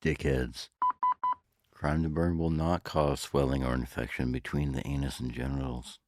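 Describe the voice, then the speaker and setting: A man co-hosting a podcast in casual banter, firing off deadpan wisecracks. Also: extremely low pitch, normal speed. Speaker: podcast co-host. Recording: very noisy recording.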